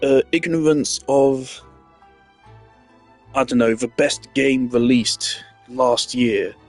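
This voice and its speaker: Over game music, a man with a mid-range voice offers slow, casual game commentary as a streamer. He muses hesitantly, rambles, and lets his sentences trail off.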